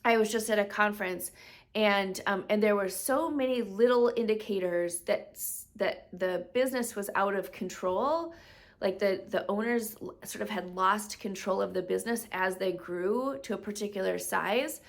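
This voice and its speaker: A woman talks through her own business podcast at an easy, mid-range pitch. She keeps it conversational, tosses in rhetorical questions, and slips into quick put-on voices when she quotes customers. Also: vocal fry. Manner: conversational, explains with rhetorical questions and frequent "right?". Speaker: podcast host, business coach. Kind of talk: solo podcast talk.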